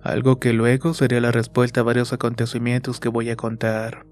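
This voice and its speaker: A man reading a first-person horror story in a slow, measured, scripted narration. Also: medium pitch, monotone. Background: faint music.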